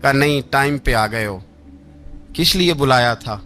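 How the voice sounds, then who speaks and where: A man preaching a religious sermon in a Pakistani Urdu accent, telling a story dramatically and acting out its speakers, rising to shouted rebukes. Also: medium pitch, lively intonation, a little slow, soft background music.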